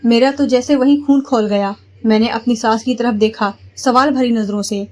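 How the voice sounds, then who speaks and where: A woman tells a first-person family story in a steady, plain way. Her voice sits high. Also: moderate pace.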